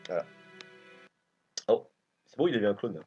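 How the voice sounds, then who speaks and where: A man's voice: lowish voice, big pitch swings, moderate pace, a little mellow, faint music behind. A man from France commenting casually on his gameplay, thinking aloud with many hesitations. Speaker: let's play host. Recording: dull lo-fi recording.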